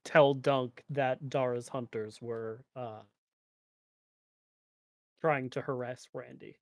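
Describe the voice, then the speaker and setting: A man's voice: medium pitch, fairly even intonation, slow, gravelly, darkish tone, no room sound, studio quality. A man playing a tabletop game, casually discussing plans with other players.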